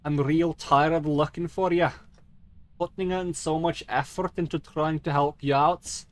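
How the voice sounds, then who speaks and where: A man streaming games talks at a measured pace in a fairly high pitch, his intonation fairly even. Affecting a mock accent he describes as a dwarf accent, he rambles and swears theatrically about the game.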